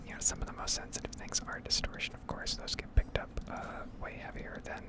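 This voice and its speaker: A woman creating gaming ASMR videos speaks over gameplay, her breathy whispered commentary meandering along without any rush.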